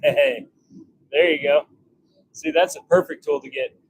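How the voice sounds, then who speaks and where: On a low-quality recording with a little hiss or hum, a man with a high-leaning, steady voice talks unhurriedly. He's a hobby blacksmith hosting a casual livestream from his home forge, working as he chats partly to viewers and partly to himself.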